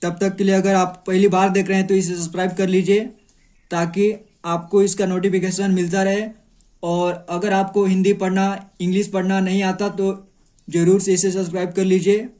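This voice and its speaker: A man's voice: high voice, flat delivery, moderate pace, mellow. A man teaching how to read and write Hindi letters, patiently repeating each sound and syllable aloud. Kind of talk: slow step-by-step lesson.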